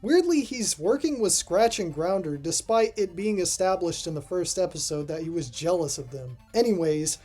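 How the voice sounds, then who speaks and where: Over background music, a mid-pitched host voices a scripted review in a relaxed, dry manner, tossing in offhand remarks like someone ranking cartoon episodes. He sounds animated, moves at normal speed with barely any pauses, and has a darkish tone.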